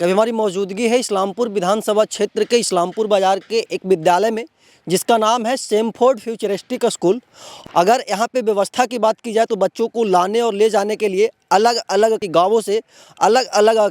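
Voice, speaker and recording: A male local news reporter with a notably high voice conducts an on-location interview at a school. He speaks formally and keeps murmuring short acknowledgments while his guest talks. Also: darkish tone, no room sound. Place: school campus.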